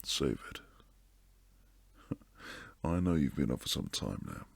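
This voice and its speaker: Very animated and heavily acted, this intimate ASMR roleplay has a man as a protective bodyguard boyfriend. He speaks slowly in a very deep, gravelly, breathy low voice that slips into hushed whispers, sounding stern and weary with tenderness beneath, captured close on a dry microphone.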